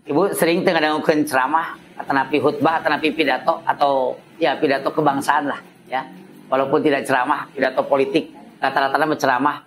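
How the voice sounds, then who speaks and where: A man with a Sundanese accent gives a relaxed, chatty sermon. His voice sits at a middle pitch but leaps up and sinks down for emphasis. The live recording carries clear ambient noise behind him. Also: brisk, low-quality recording. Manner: swings pitch high and low for effect, mixes in dialect. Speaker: preacher. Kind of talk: casual sermon.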